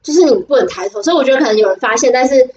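A woman's voice: sits high, expressive, very fast, a little mellow, muffled recording. A young woman with a Taiwanese Mandarin accent, co-hosting a podcast and telling stories in a giggly, rambling way full of restarts. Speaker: podcast co-host. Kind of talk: casual storytelling chat.

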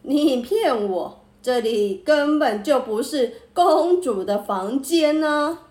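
A woman's voice: on the high side, animated, takes it slowly, echoey room. A woman doing an indignant donkey prince. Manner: loud, indignant. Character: proud angry male donkey prince.

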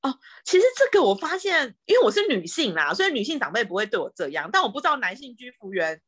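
A woman with a Taiwanese Mandarin accent, a home care worker, telling stories on a podcast in a lively way, acting out the dialogue. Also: a little high, quick pace, husky. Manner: lively, animated retelling with quoted dialogue. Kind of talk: casual podcast storytelling.

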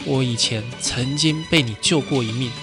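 A man voicing a gentle young woman who is secretly a ladybug spirit, in a storytelling podcast. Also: mid-range voice, normal speed, over music, close to an everyday voice. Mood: tender.

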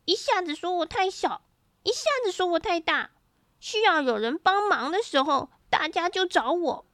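A high, sulky little boy rabbit from a storybook, as a woman reads him out. His voice leaps and swoops as he complains, whiny and close to tears, and the reading is dry and close. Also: animated, moderate pace, no echo. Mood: angry. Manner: whiny, tearful outbursts. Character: upset young boy rabbit, feels unloved.

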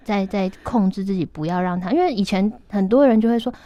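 A middle-aged woman, a clinical psychologist explaining things patiently and calmly, her phrases often trailing off softly. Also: mid-range voice, fast, no room sound, highs cut off. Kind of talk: calm advice in conversation.

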